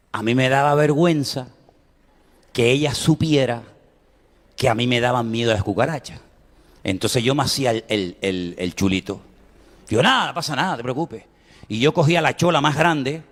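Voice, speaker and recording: A male pastor preaches in a church, his voice sitting high for a man. He tells personal stories with lively energy, acting out cries and dialogue, and long reverb trails his words through the hall.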